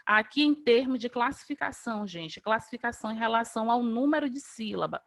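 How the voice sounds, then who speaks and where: A woman's voice: a little high, fairly quick, a bit bright, no echo. A woman from Brazil, teaching an online grammar review lesson, patiently explaining and drawing out example words. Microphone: video call.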